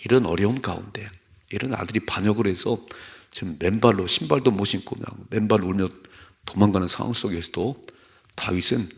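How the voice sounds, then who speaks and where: A pastor preaching at a dawn service in his church, earnest and repetitive, drawing responses from the congregation. His voice is low-pitched with a rough, gravelly edge. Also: a little fast. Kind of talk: sermon.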